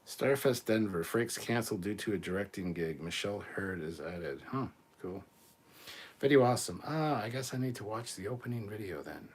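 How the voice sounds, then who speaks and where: A man with a slightly husky, fairly low voice, reading chat comments out loud on a live stream. He chats along easily, reacts to each note and lets his sentences trail off softly at the ends. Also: normal speed. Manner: relaxed and chatty, reads comments aloud, trails off softly. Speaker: host of a live fan show.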